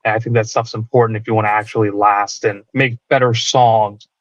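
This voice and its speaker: A man's voice: on the low side, little pitch movement, brisk, dry recording, poor audio. A man who plays guitar in a band, talking casually and reflectively about music in a rambling way. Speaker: band guitarist being interviewed.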